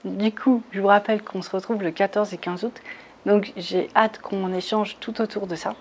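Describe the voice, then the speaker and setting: A woman's voice: mid-range voice, steady tone, normal speed, a little mellow, slight background noise. A woman leading a guided meditation talk for retreat participants, coaxing and soothing, often checking in with her listeners. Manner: soothing, leads step by step. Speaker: spiritual retreat leader.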